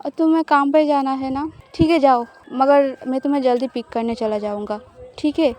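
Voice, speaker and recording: A woman's voice: high-pitched, steady tone, normal speed, a little mellow, close to an everyday voice. A woman voicing a teasing, possessive young woman lover in an audio love story.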